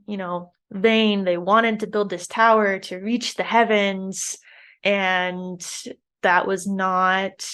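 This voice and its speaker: A woman co-hosting a relaxed podcast, talking in a loose, chatty way. Her pitch sits in an ordinary middle range. She also reads a passage aloud in a steady storytelling voice. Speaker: podcast co-host. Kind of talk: casual podcast chat.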